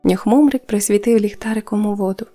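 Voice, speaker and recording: A woman narrating a children's fairy tale in an even storytelling manner. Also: medium pitch, fairly quick. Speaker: audiobook narrator. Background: faint music.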